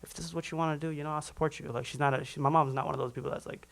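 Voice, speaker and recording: A young man from Minnesota, a musician guest chatting casually in an interview, loose and relaxed with frequent restarts. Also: on the high side, racing, vocal fry. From Minnesota, USA.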